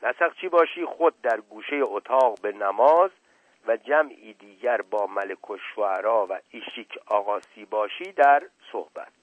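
A man's voice: lowish voice, no room sound. Man narrating a story over a tinny line. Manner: measured, formal storytelling. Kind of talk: scripted narration. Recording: tinny, dry, phone-like old radio.

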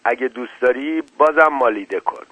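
A man voicing a cool-headed young male gambler who talks with calm swagger. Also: medium pitch, no room sound, close to an everyday voice. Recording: dull lo-fi dry recording.

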